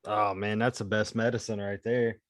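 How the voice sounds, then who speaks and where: A man's voice: lowish voice, level tone, moderate pace, no room sound, clean studio sound. A man in his thirties hosting a podcast, laid-back and casually swearing. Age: 30s. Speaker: podcast host. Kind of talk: casual interview chat.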